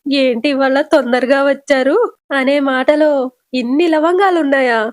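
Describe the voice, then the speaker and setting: A woman voicing a scheming, sharp-tongued middle-aged mother-in-law in a retold family serial, shrill and indignant. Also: steady tone, normal speed, dry recording, natural voice.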